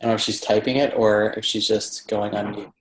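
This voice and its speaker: A man's voice: on the low side, level tone, fairly quick. A man mentoring applicants in an informal question-and-answer session, talking conversationally and often restarting his phrases as he thinks aloud. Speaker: dental residency interviewer and mentor. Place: home apartment. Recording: roomy, echoey room sound.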